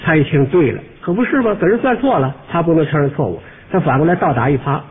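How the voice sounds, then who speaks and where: A man performing a comic monologue, telling the story with lively, pointed asides to the audience. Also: a little high, fast. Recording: tinny old radio recording with faint hiss.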